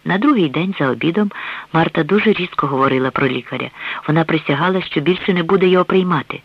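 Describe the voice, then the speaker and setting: A man's voice: on the high side, creaky, husky, no echo. Man narrating a novel on radio. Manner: even, measured storytelling. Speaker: audiobook reader. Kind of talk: scripted narration. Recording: dull dry radio recording.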